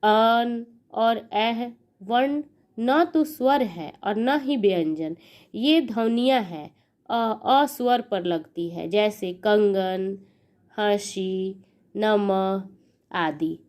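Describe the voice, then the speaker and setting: A woman's voice: a little high, takes it slowly, darkish tone. A young woman teaching a grammar lesson, spelling words sound by sound and counting each sound aloud. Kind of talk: slow explanatory grammar lesson.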